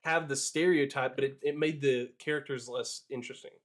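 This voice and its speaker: A man's voice: medium pitch, fairly even intonation, brisk. A man co-hosting a casual live podcast, talking in a rambling, hesitant way. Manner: rambling, hesitant, many fillers and restarts. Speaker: podcast co-host.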